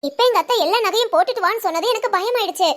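A woman's voice: extremely high pitch, very fast. A woman voicing a young pregnant married daughter in a cartoon family drama, who pleads earnestly and worries on the phone. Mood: anxious.

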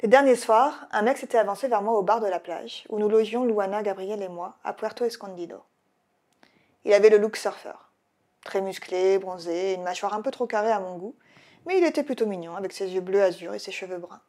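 A woman author reading her own novel aloud in a lively storytelling way. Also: medium pitch, a little fast. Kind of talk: audiobook reading.

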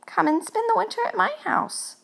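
A woman reading aloud, voicing a gentle, friendly male ghost who is eager to please in a picture-book story. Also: very high voice, normal speed, vocal fry, voice pushed up, exaggerated voice. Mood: eager, kind.

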